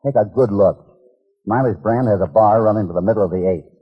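A shrewd, assured cowboy hero talks in a lowish, husky American voice. It is old western drama. The recording is thin and tinny like a phone. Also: male voice, fast talker. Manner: assured, explanatory. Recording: tinny, band-limited vintage soundtrack.

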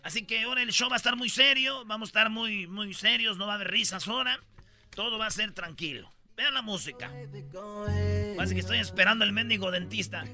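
A man with a Mexican Spanish accent hosts a comedic radio show in a rowdy, joking way. His voice sits high and sounds bright and sharp. He keeps acting out little scenes for laughs. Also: a little fast, faint music behind.

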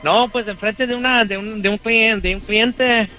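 A man calling in to a talk show, chatting casually in a halting, repetitive way over the phone. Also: high voice, fairly even intonation, pushed and bright, faint music behind, poor audio. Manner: halting, repeats words. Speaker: phone-in caller. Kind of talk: casual call-in chat.

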